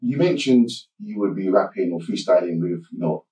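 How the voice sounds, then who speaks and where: Low-voiced male interviewer, off-mic. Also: expressive, mellow, echoey room, recorded from a distance, dull audio. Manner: measured, recaps before asking. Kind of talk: interview questions.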